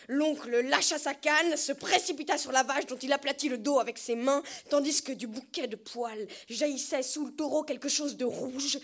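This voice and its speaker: A woman narrating a novel as an audiobook, measured and dropping soft at the ends of phrases. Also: sits high.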